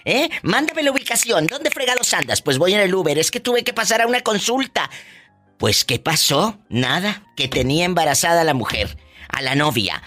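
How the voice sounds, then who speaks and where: A man's voice: sits high, big pitch swings, normal speed, pushed and bright, soft background music. A man hosting a call-in radio show, teasing and dramatic. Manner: theatrical, gasps and teasing exclamations. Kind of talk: playful radio call-in banter.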